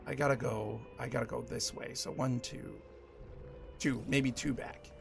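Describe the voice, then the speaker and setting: A man in his forties chats casually with viewers while live-streaming a game, rambling and laughing often. His mid-range voice has fairly even intonation and vocal fry, set against a noisy background.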